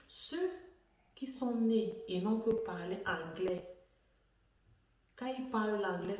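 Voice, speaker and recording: A woman's voice: on the low side, a little mellow. A woman from French-speaking Africa, talking in a chatty vlog style, often repeating words and laughing. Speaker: vlogger. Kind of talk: casual personal vlog talk. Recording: echoey room, far from the mic.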